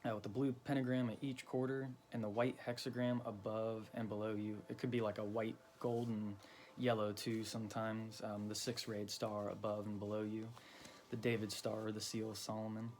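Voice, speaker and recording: A man explaining a ritual step by step in a loose, halting way, with many ums and you-knows. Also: fairly low pitch, level tone, a little mellow, a little hiss or hum. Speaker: occult teacher. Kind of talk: casual explanatory lesson.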